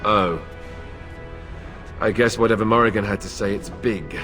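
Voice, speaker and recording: A man's voice: fairly low pitch, moderate pace, pushed and bright, faint music behind. An actor playing a boyish, sarcastic young king-to-be in a fantasy game, joking and exasperated, in a reverberant space. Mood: wry, curious. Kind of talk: dramatic fantasy game dialogue. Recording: long reverberant hall echo.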